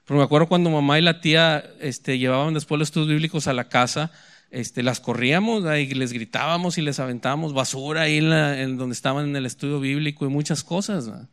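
A man preaching a sermon in a conversational way, often tagging lines with "¿verdad?" and slowing down to read scripture aloud. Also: on the high side, steady tone, a bit bright, clean tone. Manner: conversational, frequent "¿verdad?" asides; slows for dramatic scripture quotes.

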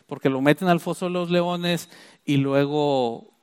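A man's voice: on the high side, fairly even intonation, a little mellow, clean tone. A man preaching a sermon, explaining scripture emphatically and drawing out key words. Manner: emphatic, stresses key phrases with slow drawn-out words; repeats and restarts while explaining.

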